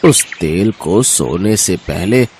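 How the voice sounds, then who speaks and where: A man voicing an old male street herb seller in a cartoon story, calling out his wares in a slow, drawn-out way. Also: deep voice, lively intonation, darkish tone, a little hiss or hum, exaggerated voice. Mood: hawking. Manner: slow drawn-out hawker's calls.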